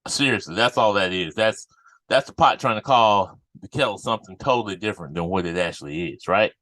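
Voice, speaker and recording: A man's voice: lowish voice, a little fast, fairly bright tone, dry recording. A man giving off-the-cuff political commentary as a podcast host, indignant and emphatic, often repeating phrases for emphasis.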